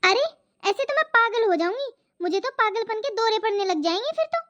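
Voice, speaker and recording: A fed-up housewife voiced by a woman grumbles and scolds in a very high, thin voice for a cartoon family story. The sound is muffled and lo-fi. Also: animated, fairly quick, fairly bright tone. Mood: complaining. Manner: complaining, scolding, talks to herself. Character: overworked housewife and mother, exasperated, grumbling. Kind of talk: animated family story voice-over. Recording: muffled lo-fi voice track.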